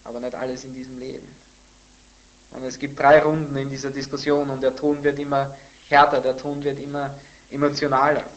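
A man teaching a Bible sermon in a conversational way, with blunt asides, who grows louder and higher when he reads scripture quotes. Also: flat delivery, fairly quick, dull audio. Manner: emphatic, rising in pitch and volume when reading scripture quotes. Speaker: preacher.

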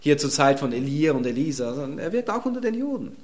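A man's voice: fairly high pitch, big pitch swings, fast talker, darkish tone. A male pastor preaching a sermon in an emphatic, conversational way and chuckling between points.

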